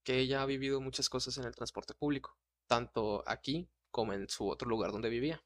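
A man co-hosting a casual livestream chat, telling stories in a relaxed, slangy way with many restarts. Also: medium pitch, a little fast, no room sound, clean studio sound.

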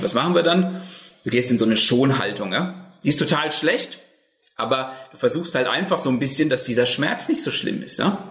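A man giving a spiritual talk to a live group, acting out inner voices in an animated way and often restarting his sentences. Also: mid-range voice. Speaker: speaker. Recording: roomy echo.

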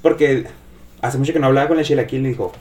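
A man's voice: medium pitch, fast. A man telling gossip in a casual chat, acting out the quoted voices. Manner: animated storyteller, acts out quoted voices. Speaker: podcast co-host telling gossip.

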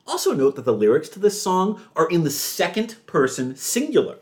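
A male podcast host with a slightly high voice that leaps all over the place. He talks in a gushing, theatrical way and breaks into excited yelps. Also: moderate pace. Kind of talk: enthusiastic music podcast chat.

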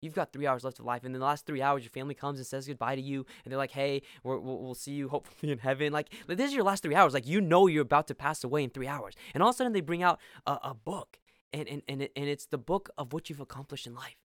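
Fast-talking earnest young man from Peru. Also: medium pitch, a bit bright, no echo, studio quality. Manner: earnest, enthusiastic, repeats words when stuck. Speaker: podcast guest. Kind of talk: faith testimony in conversation.

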